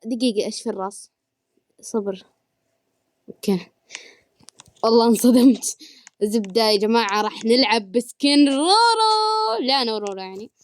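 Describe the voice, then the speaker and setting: A woman's voice: fairly high pitch, animated, normal speed, long pauses, dry recording. A woman chatting through her gameplay in a casual, giggly way, often trailing off while she searches for words. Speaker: gaming channel host. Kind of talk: casual gaming commentary.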